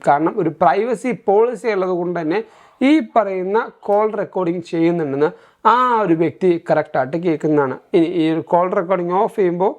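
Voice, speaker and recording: In a scripted-sounding tech tutorial, a male host and tech reviewer with a Malayali accent talks in a high, slightly mellow voice. He explains things step by step and mixes in English terms.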